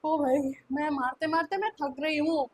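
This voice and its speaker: A woman's voice: high-pitched, normal speed, background noise, close to an everyday voice. A woman acting a strict female schoolteacher in a staged classroom skit, nagging and repeating herself as she keeps demanding answers. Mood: scolding.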